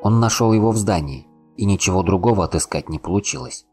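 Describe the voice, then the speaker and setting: Deep-voiced male audiobook narrator. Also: fast talker, darkish tone, soft background music. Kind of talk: scripted narration.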